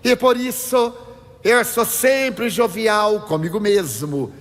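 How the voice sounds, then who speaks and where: An older man gives a spiritist lecture, his voice sitting high for a man. He tells anecdotes and acts out the dialogue with lively animation. The sound rings with a long reverb from a large hall. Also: takes it slowly, faint music behind. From Brazil. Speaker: spiritist speaker.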